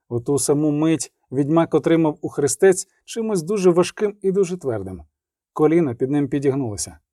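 A man narrating a fantasy battle audiobook in a steady, measured storytelling voice. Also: fairly high pitch, no room sound, studio quality.

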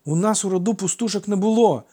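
A man's voice: lively intonation, normal speed, mellow, husky. A man reading aloud and voicing quarrelsome young twin boys in a raised, childish voice with a heated manner. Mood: indignant. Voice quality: high, childish. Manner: heated and indignant. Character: cheeky quarrelsome young boy twins.

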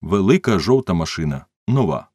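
A man's voice: low-pitched, big pitch swings, normal speed, darkish tone, breathy edge, no room sound, studio quality, heavily acted. A man voicing a well-dressed male bystander giving an eager, insistent account.

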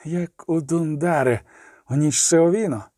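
A man's voice: a little high, unhurried, mellow, no echo, clean studio sound, natural voice. A man doing a fearful, doom-saying mercenary. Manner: fearful, foreboding. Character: frightened male mercenary, gloomy doom-sayer.

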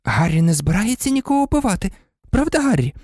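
A man's voice: sits high, sing-song, brisk, a little mellow, dry recording, studio quality, pitched above the performer's own voice. A man voicing an anxious teenage schoolgirl who urgently pleads with her friend. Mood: pleading. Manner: urgent, imploring.

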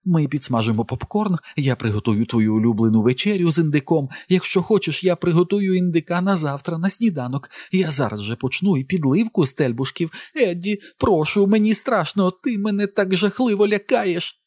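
Casting: a man putting on a panicky pleading wife in an audiobook, pitched high and pleading. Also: animated, brisk, few pauses, darkish tone, no echo, studio quality. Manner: high clinging wail, begging. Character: frightened pleading middle-aged wife.

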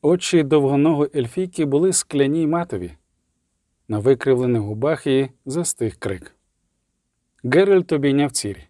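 A man reading an audiobook in a steady, somber way. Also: medium pitch, no room sound, clean studio sound. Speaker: audiobook narrator. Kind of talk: scripted narration.

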